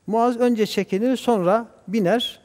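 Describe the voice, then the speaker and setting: A man speaking as a guest scholar on a religious TV program, talking in a measured, preacher-like way and reciting Arabic verses. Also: very high voice, steady tone, darkish tone, in a large hall. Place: TV studio.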